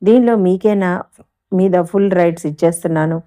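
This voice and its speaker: A shy but spirited young woman, a bike racer, voiced by a woman storyteller. She answers bashfully and respectfully in a storybook reading. The voice is low and warm. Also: normal speed, no room sound, lightly acted. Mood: earnest. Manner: shy and respectful, says sir often.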